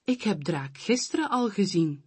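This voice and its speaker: A woman's voice: medium pitch, big pitch swings, normal speed, breathy edge, dry recording, voice pushed up. A woman voicing a small, stern and bossy mouse in a read-aloud children's storybook. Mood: insistent. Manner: stern, insistent.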